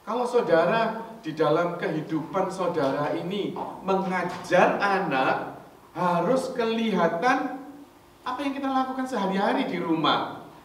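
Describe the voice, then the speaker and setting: A male pastor tells stories in a chatty, animated way, checking in with his listeners and mixing in English. His fairly high voice booms around a very echoey church hall. He is heard from far off the mic over faint noise. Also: unhurried. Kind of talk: storytelling sermon.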